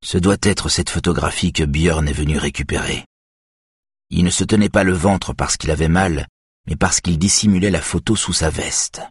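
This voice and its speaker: A man reading an audiobook, voicing a calm, observant male detective who reasons aloud. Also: low voice, moderate pace, breathy edge, no room sound, clean studio sound.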